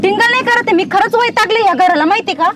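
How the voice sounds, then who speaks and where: A sharp-tongued young daughter-in-law, played by a woman, ranting fast in a very high, piercing voice. She spits scorn and complaint at her in-laws in a village family drama. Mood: defiant. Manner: scolding, contemptuous rants.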